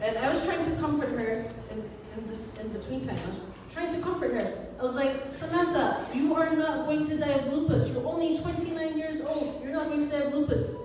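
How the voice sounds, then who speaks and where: A woman from Kenya doing a stand-up set, delivering dark one-liners in a deadpan, deliberate way. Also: high voice, a little hiss or hum. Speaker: stand-up comedian. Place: comedy venue with live audience. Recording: echoey room from far off, loud crowd.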